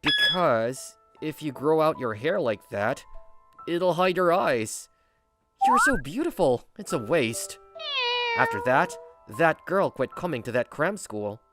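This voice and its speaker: Against a music bed, a man with a fairly high voice plays a kind, self-assured teenage schoolboy narrating his own story in an anime-style dub. He speaks slowly and very animatedly, sounding earnest and a little smug.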